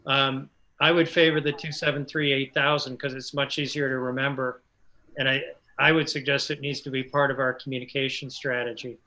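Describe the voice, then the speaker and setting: A man's voice: mid-range voice, flat delivery, a little fast, pushed and bright, low-quality recording. A man chairing a remote committee meeting on a conference call, moderating procedure in a polite, informal way.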